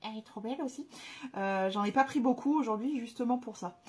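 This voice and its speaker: Woman, casual vlogger, breathy husky voice, excitable, slangy, lots of fillers. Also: on the high side, brisk. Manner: gushing exclamations, slangy and chatty; frequent hesitation fillers. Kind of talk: casual chat to camera.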